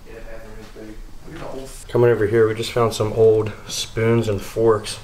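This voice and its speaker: A young man hosting a casual video walkthrough of an abandoned property, excited and peppering his talk with "like", walking outdoors and through empty rooms. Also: lowish voice, moderate pace, a little hiss or hum, rough recording. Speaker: urban explorer host. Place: outdoors on rural land, then inside an empty house.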